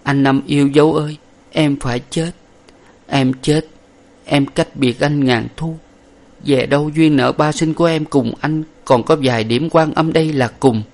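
A man's voice: a little high, steady tone, moderate pace, pitched above the performer's own voice, natural voice. A man voicing a dying young wife who speaks weak, tender farewells to her husband. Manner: soft, faltering farewell.

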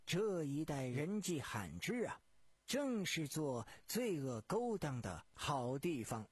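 A man tells a serialized detective story for radio, stretching his phrases and sighing along the way. His voice is somewhat high and swings widely in pitch, with a husky grain. The recording is close and dry. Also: no room sound. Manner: expressive, drawn-out storyteller phrasing with sighs.

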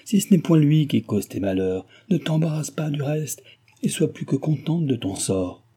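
A man's voice: a little high, lively intonation, moderate pace, mellow, breathy edge, voice pushed up. A man voicing a stern, brooding older man who moralizes severely, read as a character in an audiobook. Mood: severe reproach. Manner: severe, reproachful declaiming.

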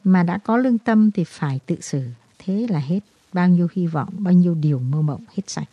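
A woman voicing a guilt-ridden, despairing man who confesses in a halting, brooding way, in a storybook reading. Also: lowish voice, expressive, slightly rough, no echo, highs cut off.

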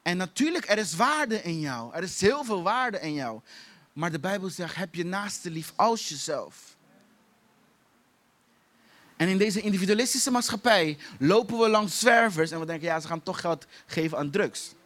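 A man's voice: high-pitched, lively intonation, moderate pace, fairly bright tone. A man preaching a sermon, repeating key phrases for emphasis and laughing at his own stories. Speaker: pastor.

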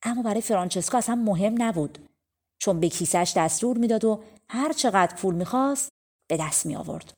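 A woman's voice: mid-range voice, expressive, darkish tone. A woman narrating a folk tale audiobook in a casual, colloquial storytelling manner.

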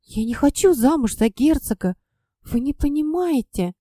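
A woman's voice: sits high, expressive, normal speed, warm tone, no room sound, clean studio sound, pitched above the performer's own voice. A woman voicing a frightened, tearful young noblewoman who speaks in a thin, trembling voice. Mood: pleading.

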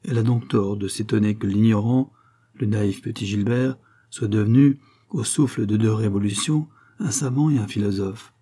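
A man voicing a composed, dignified doctor who answers in calm, measured tones. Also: fairly low pitch, lightly acted.

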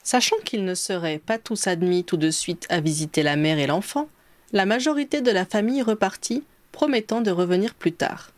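A woman reading a story aloud as an audiobook, telling it clearly and evenly. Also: medium pitch, normal speed, no echo. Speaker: reader. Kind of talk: audiobook narration of fan fiction.

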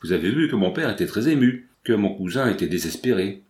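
Brief: man reading a bold, quick young heroine, eager and direct; roomy recording. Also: on the low side, expressive, a little mellow, close to an everyday voice. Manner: eager, pressing questions. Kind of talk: audiobook dialogue reading.

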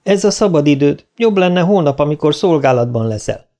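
A man voicing a male crew engineer, speaking slowly and precisely. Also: a little high, lively intonation, mellow, pitched above the performer's own voice. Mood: polite.

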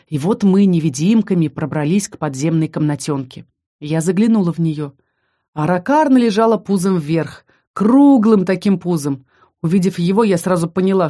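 A woman reading a first-person fantasy audiobook in a lively, expressive storytelling manner. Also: on the low side, normal speed. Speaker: audiobook narrator.

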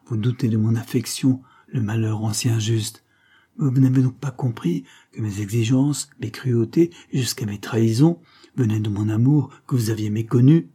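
A man's voice: mid-range voice, moderate pace, dark tone, breathy edge, lightly acted. A man voicing a scheming, cruel Creole woman with a sugary, coaxing delivery in a read-aloud novel.

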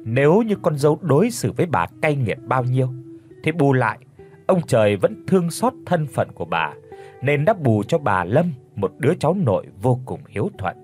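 A man reading a dramatic story aloud as an audiobook narrator, expressive throughout. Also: mid-range voice, normal speed, soft background music.

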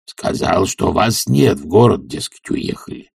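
Man putting on a hoarse, surly old manservant. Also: sits low, big pitch swings, measured pace, dry recording, clean studio sound, full character voice. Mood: sullen. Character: grumbling old male servant, surly and stubborn.

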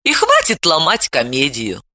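A woman's voice: deep voice, wildly swooping pitch, a little slow, bright, forceful tone, no room sound, heavily acted. Woman reading as a dry, sarcastic older woman. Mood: sardonic. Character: middle-aged woman writer, dry and sardonic. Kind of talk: audiobook character voice.

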